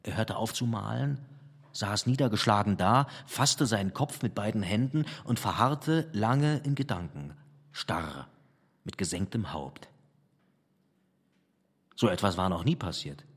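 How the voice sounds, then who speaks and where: A man with a husky voice reading a literary memoir aloud in a measured, reflective storytelling manner. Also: lowish voice. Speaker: narrator. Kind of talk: audiobook narration. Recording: long hall reverb.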